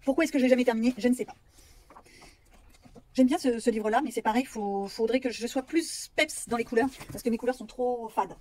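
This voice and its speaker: A woman's voice: a little high, fairly quick, a little mellow. A woman vlogger chatting casually about her coloring books, self-mocking and rambling with fillers.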